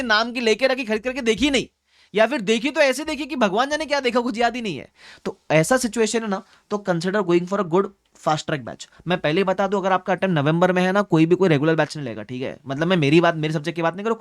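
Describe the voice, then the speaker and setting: A man's voice: high voice, fast, dry recording, clean studio sound. A young man coaching exam students, talking directly and like an older brother, often checking that they follow. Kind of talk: advice talk to students, mixing in English phrases.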